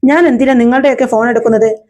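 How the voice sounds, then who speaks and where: Brief: a woman doing a sulky, defiant young wife, high voice, plain read. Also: fairly even intonation, fast, darkish tone, close to an everyday voice. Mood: snapping.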